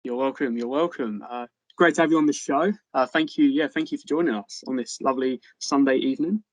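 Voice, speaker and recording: A man's voice: a little high, quick pace, no room sound. A man hosting a podcast in a casual, friendly way, joking and using fillers. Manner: friendly, jokey, many fillers. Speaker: podcast host.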